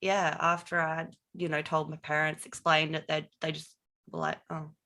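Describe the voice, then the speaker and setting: A woman, a podcast guest telling stories in animated, laughing chat. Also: deep voice, normal speed. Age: 20s. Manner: animated storyteller, laughs often. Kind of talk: casual interview chat.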